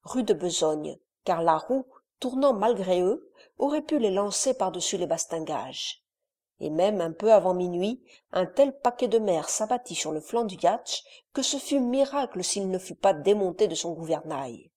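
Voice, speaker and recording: A woman reading a classic adventure novel aloud in a measured, dramatic storytelling manner. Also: on the low side, animated, warm tone. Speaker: audiobook narrator.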